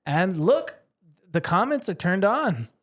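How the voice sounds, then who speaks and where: A man's voice: high-pitched, very animated, takes it slowly, a bit bright. A man co-hosting a casual local news podcast, joking and laughing often. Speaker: podcast co-host.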